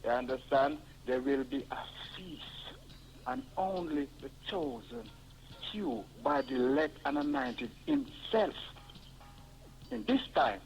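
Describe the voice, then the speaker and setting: A man's voice: fairly high pitch, very animated, slow pace, vocal fry, a little mellow, slight background noise, rough recording. A man calling in to a talk radio show, preaching in a rambling, biblical way. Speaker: caller. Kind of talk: phone-in call.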